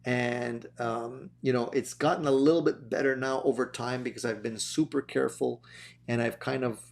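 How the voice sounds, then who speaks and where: Man, channel host, casual viewer Q&A, easygoing, filler-heavy, mid-pitched voice. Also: fairly even intonation, moderate pace, vocal fry. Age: adult over thirty. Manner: easygoing, frequent fillers and restarts. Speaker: guitar gear channel host. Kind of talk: casual talk to camera answering viewer questions.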